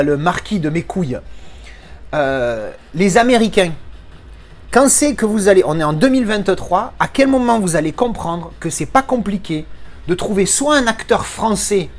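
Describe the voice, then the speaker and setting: Ranting high-voiced French man reviewing a film. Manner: ranting, swearing, frequent restarts. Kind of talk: casual spoken film review.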